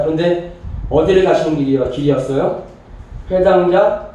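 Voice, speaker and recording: A male pastor with a high, mellow voice preaches to his congregation and acts out the people in his story. He is heard from a distance in a very echoey church hall. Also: a little hiss or hum. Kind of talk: sermon. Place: church sanctuary.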